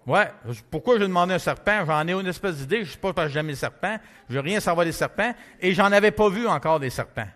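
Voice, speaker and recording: A man with a Québécois French accent preaching a testimony sermon, telling his story in a lively, conversational way with many fillers. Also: high-pitched, fast talker, few pauses, in a large hall. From Quebec.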